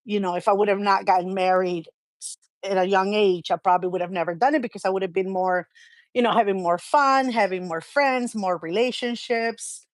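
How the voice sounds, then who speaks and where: A middle-aged woman co-hosting a chat show, talking casually in an animated storytelling manner. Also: medium pitch, a little fast, no room sound.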